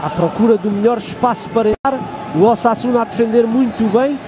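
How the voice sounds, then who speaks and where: A man with a European Portuguese accent giving analytical football co-commentary, explaining in halting phrases. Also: extremely high pitch, a crowd in the background. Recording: clear outdoor stadium noise behind.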